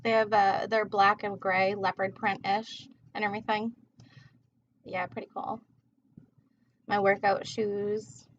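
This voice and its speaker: A woman's voice: medium pitch, flat delivery, measured pace, pauses often, a little hiss or hum. A woman with a mid-range voice chats casually to her livestream viewers while smoking. Her delivery is laid-back and rambling, full of loose, slangy asides. The audio is dull and lo-fi. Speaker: tarot reader hosting a livestream.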